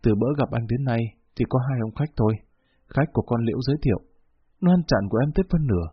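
A man's voice: mid-range voice, expressive, fast, slightly rough, dry recording. A man voicing a weak, desperate young woman, her speech faint and pleading, on a dull lo-fi recording.

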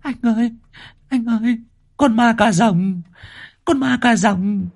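A woman's voice: a little high, takes it slowly, vocal fry, darkish tone, husky, voice pushed up, full character voice. A man voicing a panicked young woman who squeals and begs for help. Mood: panicked, pleading.

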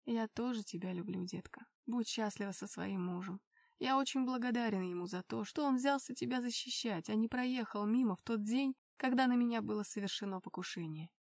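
Lady doing a gentle dad on the phone, lower and hushed, tender, dry close sound. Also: a little fast, vocal fry, no room sound. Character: middle-aged man, loving gentle father on phone.

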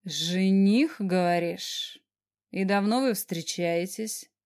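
A smug, teasing young male boss, read by a woman, speaks in a husky, rumbling drawl. His tone is soft and mellow, and his delivery turns mock-gentle. He lingers over his lines in a slow, unhurried way. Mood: suspicious.

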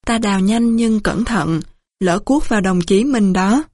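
An urgent, shaken army commander barking orders in a choked voice, read by a woman. The voice has a husky edge and a dry, close sound. It stays near the reader's own middle pitch. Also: a little slow, a little mellow, no room sound, lightly acted. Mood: urgent, pleading. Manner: urgent, choked calls to dig. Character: male company commander, urgent and distraught. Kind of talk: audiobook character voicing.

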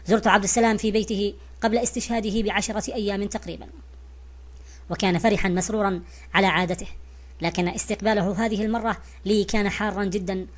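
A woman's voice: medium pitch, steady tone, quick pace. A woman giving a scripted narration in a formal, literary reading style.

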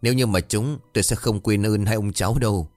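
A man doing a gentle, modest village woman. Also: on the low side, fairly quick, no room sound, faint music behind, natural voice. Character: kind, modest middle-aged village woman.

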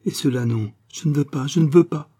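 A man's voice: medium pitch, moderate pace, dark tone, slightly rough, natural voice. A man voicing a distressed young servant girl who pleads through tears, read in a short story. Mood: pleading.

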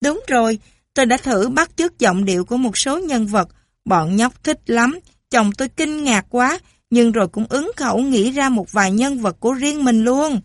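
A woman's voice: fairly high pitch, expressive, moderate pace, no room sound. A woman voicing a cheerful mother who tells stories theatrically. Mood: animated.

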